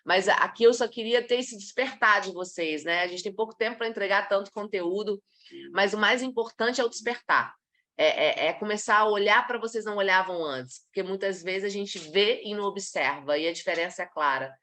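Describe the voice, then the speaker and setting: A woman from Brazil gives a live online talk on body language to professionals. She is lively and demonstrative, acting out little scenes to make her points, in a mid-range voice. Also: medium pitch, a little fast.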